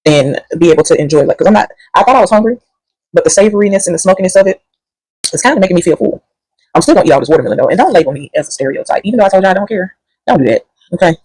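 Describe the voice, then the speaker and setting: A woman chats through a food review at home, quick and sassy, rambling from one thought to the next and talking between bites. Her voice is recorded close and dry, with no room sound. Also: on the low side, darkish tone, dry recording, rough recording. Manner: sassy, rambling, talks while chewing. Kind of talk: casual chatty food review.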